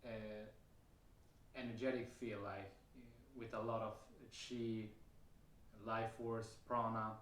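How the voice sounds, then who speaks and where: A man with a Swedish accent and a lowish voice shares a personal experience to camera, speaking slowly with a flat delivery. He hesitates a lot, with many fillers, restarts and the odd soft laugh, and the recording has a roomy echo plus a little hiss or hum.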